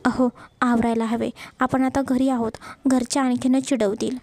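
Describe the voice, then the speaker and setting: A woman's voice: a little high, level tone, moderate pace, a little mellow, dry recording, close to an everyday voice. Woman reading as a shy, scolding young wife. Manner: coaxing, mildly scolding.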